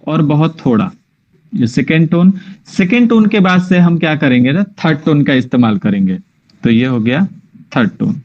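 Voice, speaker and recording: Male art teacher, slightly high voice, patient and explanatory, muffled online-class sound. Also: a little mellow. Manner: patient, checks often that students follow. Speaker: drawing teacher.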